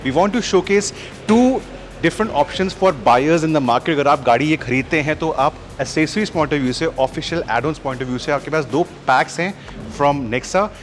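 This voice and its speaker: Brief: energetic Indian male car vlogger, slightly high voice, faint music under outdoor walkaround. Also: takes it slowly. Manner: mixes Hindi and English, conversational; energetic presenter, frequent uh fillers. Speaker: car reviewer host.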